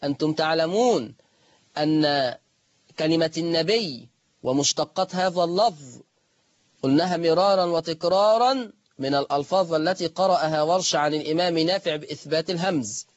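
A man with an Egyptian accent teaching Quran recitation rules step by step in colloquial speech, drawing out the example words slowly. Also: on the high side, no room sound, highs cut off. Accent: Egyptian Arabic. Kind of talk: lesson on the reading of Warsh.

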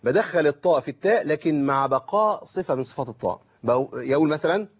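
A man with an Egyptian accent, teaching Quran recitation on a call-in lesson and explaining through rhetorical questions and slowly drawn-out examples. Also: on the high side, lively intonation, breathy edge, muffled recording.

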